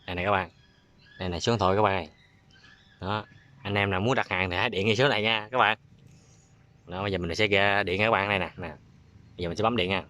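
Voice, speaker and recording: A man's voice: low-pitched, steady tone, fast talker, pauses often, sharp tone. A man with a Southern Vietnamese accent chatting casually as the host of a prank-call video. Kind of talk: casual vlog chat.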